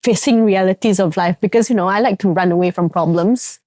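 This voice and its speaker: Woman, singaporean accent, young adult, reflective casual podcast talk, mid pitch, dry close mic. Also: a little fast, darkish tone, dry recording. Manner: reflective, frequent fillers and restarts. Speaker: podcast co-host and theatre actress.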